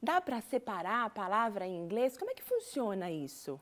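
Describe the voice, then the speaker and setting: A woman's voice: mid-range voice, sing-song, moderate pace. A woman with a Brazilian Portuguese accent, voice in a middle range, co-hosting an English lesson. She asks her colleague curious questions to prompt the explanations. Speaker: co-host teacher. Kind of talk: bilingual lesson dialogue.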